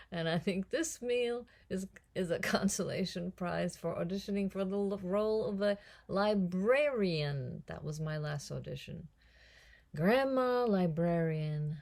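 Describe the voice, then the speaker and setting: A woman in her sixties runs a casual home cooking vlog from her kitchen. Her voice is low, mellow and gravelly, and she talks slowly. She is chatty and self-mocking and laughs often. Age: 60s. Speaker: cooking vlogger and actress.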